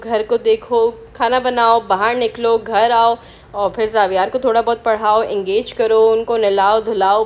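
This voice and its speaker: A young woman narrates her daily vlog in a relaxed, conversational voice-over. Her voice sits a little higher than most women's, and she keeps turning to the viewers with questions. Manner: chatty, often asks viewers directly. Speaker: vlogger.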